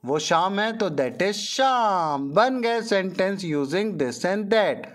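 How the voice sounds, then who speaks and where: A man's voice: high voice, lively intonation. A man teaching a primary school English lesson, asking questions and then answering them himself. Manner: drawn-out syllables on English words. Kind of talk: explaining a textbook lesson.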